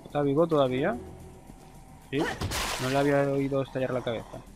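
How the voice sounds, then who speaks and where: A young man from Spain with a Spanish accent, casually commentating his gameplay, swearing often and breaking into excited exclamations. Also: medium pitch, brisk, rough recording. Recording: game music behind voice.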